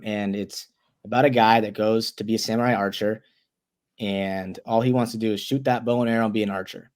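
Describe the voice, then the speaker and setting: A wrestler in his twenties, appearing as a guest in a casual interview, talks earnestly and stumbles over his words when he gets excited. His voice is fairly low.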